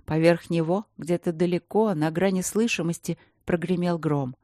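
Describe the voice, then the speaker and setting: Female narrator, very low voice, dry close recording, measured audiobook read. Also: fairly even intonation, dark tone, dry recording. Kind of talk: scripted narration.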